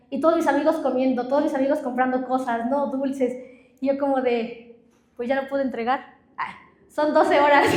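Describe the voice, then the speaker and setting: Young woman pastor, high voice, preaching w personal stories in an echoey church. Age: young adult. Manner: lively storytelling, often addressing the congregation. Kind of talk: sermon with personal anecdotes.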